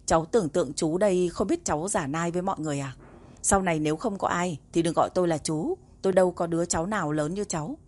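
A woman's voice: on the low side, quick pace, darkish tone, lightly acted. A woman narrator voicing a teasing young man who mocks his pretend niece in an audiobook. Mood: mocking. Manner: mocking, dry teasing. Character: teasing man, the heroine's mock uncle.

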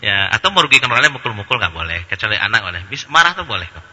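A man giving a lively religious lecture with a very bright, husky voice. He keeps it humorous and colloquial, acting out little anecdotes. The sound carries a long hall reverb. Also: on the low side, rapid-fire. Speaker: Islamic preacher answering questions.

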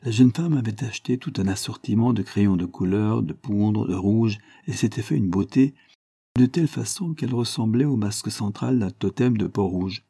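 A man reading an audiobook novel in a measured, literary way. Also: fairly low pitch, vocal fry, warm tone, breathy edge, no room sound, clean studio sound. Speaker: narrator. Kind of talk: audiobook narration.

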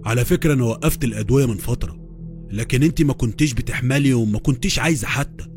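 A man's voice: mid-range voice, racing, music in the background, close to an everyday voice. A man playing a cold, insolent husband with an Egyptian accent in a horror story.

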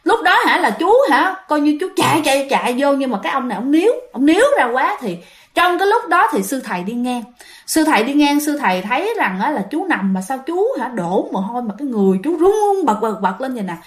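Woman, Southern Vietnamese accent, high voice, very animated pitch, chatty ghost story narration. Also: brisk. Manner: chatty, addresses listeners directly. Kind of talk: casual spoken ghost story retelling.

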